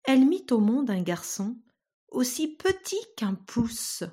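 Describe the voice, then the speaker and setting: Storyteller, woman, unhurried and husky, reading a children's tale. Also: on the high side. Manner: slow, calm, measured storytelling. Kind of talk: fairy tale read aloud.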